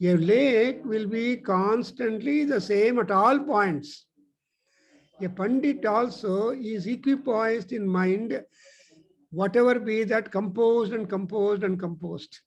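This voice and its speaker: High-pitched, very slow-spoken man. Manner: explanatory storytelling, pausing with "uh". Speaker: spiritual teacher giving a scripture discourse. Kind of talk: spiritual discourse. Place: teaching centre.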